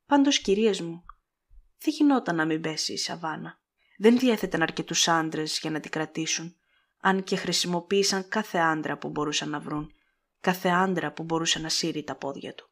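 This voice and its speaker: Woman playing an earnest, fussy middle-aged man, mildly reproachful, low husky read.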